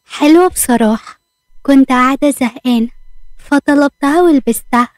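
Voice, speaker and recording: A woman's voice: high-pitched, normal speed, dry recording, natural voice. Woman voicing a flustered, scolding young Egyptian wife. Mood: indignant. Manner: indignant, scolding.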